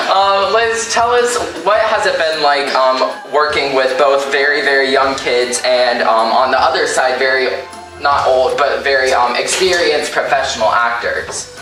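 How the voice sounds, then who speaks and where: A man's voice: mid-range voice, fairly even intonation. Young male talk host, upbeat and chatty; echoey room, faint music behind. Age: young adult. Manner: upbeat, chatty, quick to laugh. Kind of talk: casual interview. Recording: echoey room, mic at a distance.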